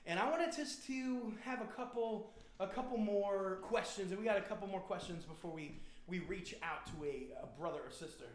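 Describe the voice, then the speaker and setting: Bantering casually with viewers, a Hoosier man hosting his band's live stream rambles through jokes and stories in loose slang. His voice sits high and moves at a normal speed. The stream audio echoes like a big room.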